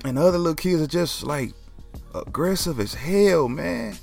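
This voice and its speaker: A man's voice: fairly high pitch, lively intonation, moderate pace, vocal fry, soft background music. A young man, talking casually as a podcast host, laid-back and joking, often dropping "man". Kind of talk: casual solo podcast talk.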